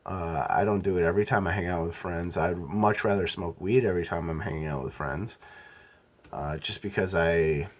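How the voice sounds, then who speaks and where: A young man talking to camera in a casual, reflective monologue, halting and often correcting himself as he thinks aloud. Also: sits low. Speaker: vlogger.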